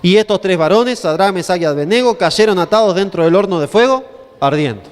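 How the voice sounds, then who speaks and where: Joking male preacher, high voice, recorded in a conference hall with a long reverb. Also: a little fast. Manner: lively, joking, asks the audience questions. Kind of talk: humorous storytelling sermon.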